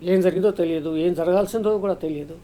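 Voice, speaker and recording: A man with a high voice makes his case hard as a commentator on a televised political debate. His tone is dark and mellow in spite of the pitch. He argues emphatically and drops in a story to drive the point home. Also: fast talker. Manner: emphatic, argumentative, tells parables. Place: TV news studio or remote link.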